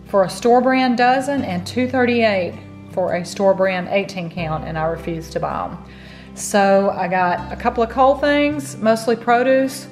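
A middle-aged woman hosting a cooking channel, chatting casually and talking through prices and meal plans, filmed at arm's length in a parked car. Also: on the high side. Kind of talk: casual vlog chat.

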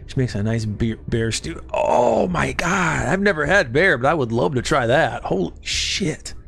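Faint music plays behind a slightly high, animated male voice that's a bit bright, with vocal fry and a measured pace. He's an Arkansas streamer in his thirties with a light Southern accent, casually chatting with viewers from his home gaming room while he plays, and his talk is relaxed and full of profanity.

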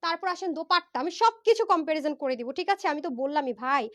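A woman from Bangladesh, hoarse from a fever, giving a persuasive live sales pitch on a phone stream and mixing in English words. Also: fast talker. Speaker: online clothing seller. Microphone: phone livestream.

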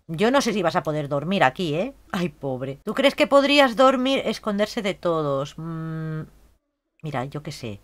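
A woman in her twenties with a Spain Spanish accent, chattily narrating a life-sim game and breaking into shrieks of shock. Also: on the low side. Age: 20s. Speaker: let's play gamer.

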